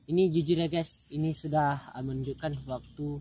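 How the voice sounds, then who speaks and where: A man with a fairly high voice hosts a casual night exploration vlog. He speaks haltingly to his viewers, out in the open with faint insect noise behind him. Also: steady tone, mellow. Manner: halting, addresses viewers as friends. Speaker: vlog host. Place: outdoors at night in rice fields.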